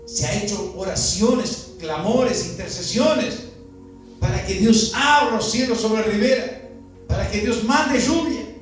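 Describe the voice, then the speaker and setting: A man's voice: high-pitched, slow. A man with a Uruguayan Spanish accent, a pastor preaching a sermon and firing rhetorical questions at his congregation, recorded outdoors in a neighborhood. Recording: echoey, from far off, with faint music.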